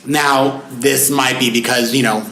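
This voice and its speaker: A man with a mid-range voice jokes and teases his way through a podcast chat, playful and self-deprecating. The sound is roomy, with clear echo around him. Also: medium pitch, level tone, unhurried, sharp tone. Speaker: podcast co-host. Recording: roomy echoey podcast recording.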